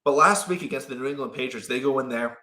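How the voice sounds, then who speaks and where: Brief: young male sports host, animated, quotes players in quick asides, bright tone. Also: medium pitch. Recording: roomy echo.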